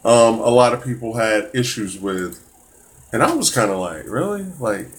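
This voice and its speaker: A man's voice: lowish voice, normal speed, a little hiss or hum. A man teaching a live-streamed test prep math lesson, casual and encouraging, with many fillers and restarts.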